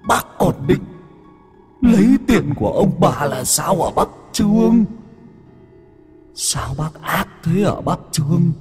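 A man's voice: high-pitched, slightly rough, long reverb tail, pitched above the performer's own voice, full character voice. A man voicing the accusing ghost of a young village boy in a horror audiobook, wailing and repeating his questions. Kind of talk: audiobook character voice.

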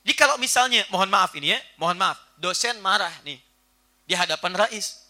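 A man giving a religious lecture to a live audience, animated and playful, acting out little household scenes. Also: sits high, brisk. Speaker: preacher.

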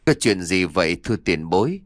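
A man's voice: sits low, sing-song, brisk, no room sound, studio quality. A man voicing a frightened young woman who pleads anxiously in an audiobook story. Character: frightened young woman calling for her father.

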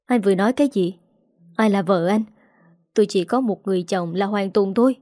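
A woman's voice: on the high side, fairly even intonation, dry recording, studio quality, close to an everyday voice. A woman reading the lines of an indignant, bitter young wife in an audio story. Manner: sharp, indignant, fast.

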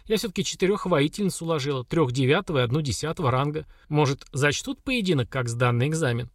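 A man voicing a calm, blunt young woman fighter who speaks curtly and matter-of-factly. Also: a little high, fast talker, dry recording, studio quality. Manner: curt, matter-of-fact.

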